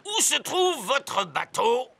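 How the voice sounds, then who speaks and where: A man voicing a hearty, teasing old grandpa dog who sails, gravelly and forceful, in a children's cartoon. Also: very high-pitched, big pitch swings, takes it slowly, exaggerated voice.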